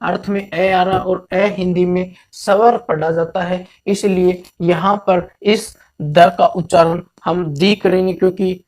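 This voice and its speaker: A man from India teaching a grammar lesson, repeating each point slowly and mixing English terms into his Hindi. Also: sits high, little pitch movement, darkish tone.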